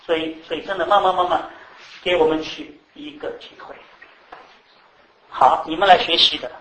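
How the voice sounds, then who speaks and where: A man preaching to a class, animated, repeating words and quizzing the audience. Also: fairly high pitch, normal speed. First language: Chinese. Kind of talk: sermon to a class. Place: teaching room with live audience. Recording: echoey room, mic at a distance.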